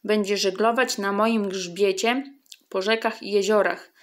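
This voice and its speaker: Woman playing a proud loud water bird. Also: medium pitch, steady tone, measured pace, natural voice. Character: proud, contrary male grebe bird.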